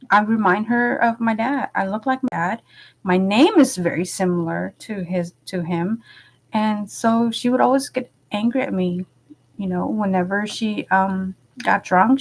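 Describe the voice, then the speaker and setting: A young woman telling a personal story in a soft, hesitant way, with many pauses and fillers. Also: mid-range voice. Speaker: vlogger. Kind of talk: personal testimony.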